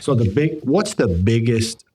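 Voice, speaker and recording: A man's voice: medium pitch, expressive, a little slow, darkish tone, breathy edge. A man co-hosting a talk show, asking straightforward questions and announcing breaks. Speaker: co-host.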